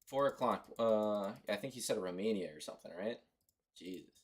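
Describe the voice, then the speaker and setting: A man's voice: on the low side, a little fast. A young man from Costa Rica streaming a mobile game, chatting offhand and rambling to his viewers. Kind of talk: casual livestream commentary.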